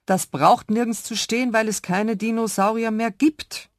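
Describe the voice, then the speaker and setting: A woman reading a children's radio story, voicing a stubborn, rule-bound male tram ticket inspector who talks louder and insists. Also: a little high, steady tone, moderate pace, no room sound, clean studio sound, pitched above the performer's own voice, natural voice. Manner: officious, insistent, louder than the narration.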